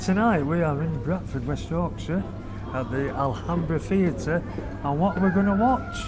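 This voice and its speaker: A man with a voice on the high side talks at an unhurried pace over background noise. He hosts a family vlog and gives a loose, chatty walking tour of a theatre's foyer and private box, filming on a handheld camera.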